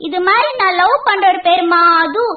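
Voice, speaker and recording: A woman's voice: very high-pitched, moderate pace, far from the mic. An actress playing an earnest, naive young woman in love. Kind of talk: comedy film dialogue. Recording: tinny lo-fi echoey film audio.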